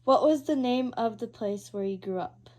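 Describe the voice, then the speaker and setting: A woman interviewing her uncle at his house, reading prepared questions in a steady, formal way. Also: on the high side, normal speed. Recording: poor quality home recording.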